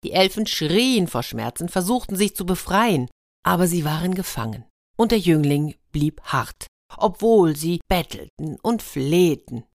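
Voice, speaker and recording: A woman reading a German fairy tale aloud with lively, dramatic pauses. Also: on the low side, no room sound, clean studio sound. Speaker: storyteller.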